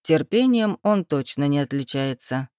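Woman doing a leering young thug, lowered voice, slow smug drawl, dry sound. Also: expressive, mellow, clear, resonant tone, no echo. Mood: mocking.

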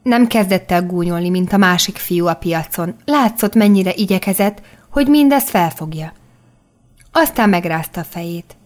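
A woman narrating a children's novel in the first person, telling it evenly and clearly. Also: lowish voice. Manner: even, clearly articulated storytelling. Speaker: audiobook narrator.

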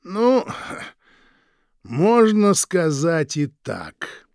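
A man's voice: medium pitch, darkish tone, dry recording, studio quality, close to an everyday voice. A man doing a sneering, barking revolutionary guard. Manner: sneering, commanding, drawn-out menace. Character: harsh cruel male revolutionary guard.

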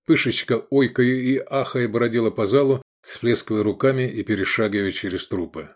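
A man's voice: medium pitch, moderate pace. A man narrating an adventure audiobook, voicing every character expressively.

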